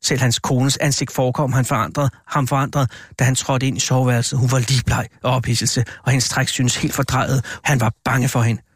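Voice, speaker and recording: A man narrating a horror tale as an audiobook, in a measured, deliberate way. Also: medium pitch, level tone, slightly rough, dry recording, studio quality.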